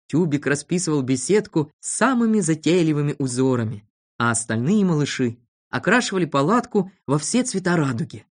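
A woman narrating a children's audiobook with expressive storytelling. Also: low-pitched.

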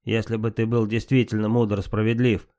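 A man's voice: lowish voice, level tone, brisk, dark tone, lightly acted. A man reading an audiobook, voicing a spiteful, insolent male trickster god of fire who talks back with scorn. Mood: defiant, mocking. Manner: mocking, defiant.

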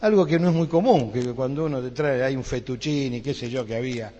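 A man's voice: mid-range voice, fairly quick, mellow. A middle-aged man with an Argentine Rioplatense accent preaching a sermon, telling a story and acting out the dialogue with growing fervor. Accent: Argentine Rioplatense Spanish. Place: church hall. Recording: dull sound with long hall reverb.

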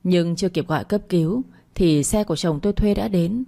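A woman reads a first-person drama aloud in a low, steady voice. Her tone is mellow and dark, and she tells the story with calm dramatic pacing. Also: fairly quick, creaky. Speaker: narrator.

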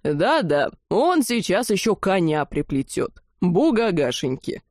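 A woman voicing a sarcastic male dragon head with a bass voice, who jeers at the others in a slow drawl. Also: very animated, darkish tone, dry recording, studio quality. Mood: mocking.

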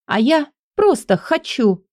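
A woman voicing a torn young woman in an audiobook, speaking high and breathless as she pleads. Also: big pitch swings, slow pace, a little mellow, no room sound, clean studio sound, full character voice. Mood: tender pleading.

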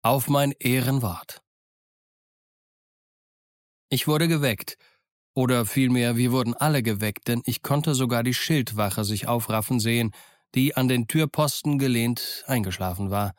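An audiobook reader narrates a novel from a script in an even, measured storytelling manner. His voice is medium in pitch, and the clean studio recording has no room sound.

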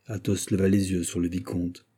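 A man narrating a classic novel in an even, unhurried reading. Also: deep voice, husky. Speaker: audiobook narrator. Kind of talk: scripted literary narration.

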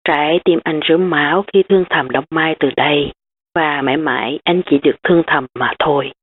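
A woman narrating an audiobook novel as scripted narration, reading every part in one even voice. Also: low voice, brisk, a little hiss or hum. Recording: tinny phone-like sound.

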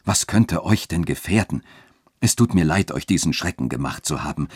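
A man reading a story aloud and voicing a scheming, smooth-talking church dean who shifts between insistence and soft coaxing. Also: very deep voice, animated, normal speed, no echo, studio quality, full character voice. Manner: insistent, then softly coaxing. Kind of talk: literary reading.

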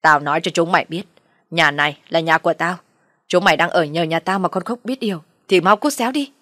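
Brief: woman playing a blustering old patriarch in an audio story, low and commanding. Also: little pitch movement, fairly quick, fairly bright tone, dry recording, clean studio sound. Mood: angry commanding. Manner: gruff, commanding. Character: stern, blustering older father-in-law.

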